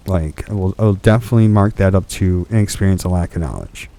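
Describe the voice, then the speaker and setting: A man's voice: low-pitched, moderate pace, warm tone. A young man hosting a gaming video, ranting in frustration about a boss fight, swearing and restarting his sentences. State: hiccups. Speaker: gaming channel host. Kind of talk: ranting game commentary.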